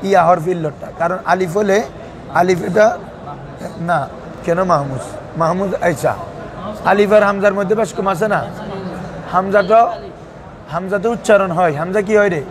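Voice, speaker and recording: A man teaching Arabic grammar to a class, constantly asking students questions and waiting for them to answer. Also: high voice. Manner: quizzes students with a recurring "what is it?" tag. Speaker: madrasa teacher. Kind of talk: classroom lesson with call-and-response questions.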